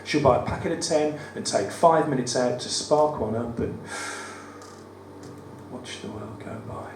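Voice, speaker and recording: In a studio theatre hosting a live cabaret night, a male performance poet with a West Midlands accent reads his work, his croaky voice at a medium pitch and a slightly slow pace, peppered with wry, self-deprecating asides. He was recorded from a distance in a roomy live space, so room noise and audience ambience are audible.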